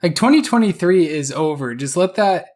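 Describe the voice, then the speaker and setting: A man co-hosting a podcast, telling a personal story in an animated, laughing way. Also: fairly high pitch, normal speed. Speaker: podcast co-host. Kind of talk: casual podcast chat, telling an anecdote.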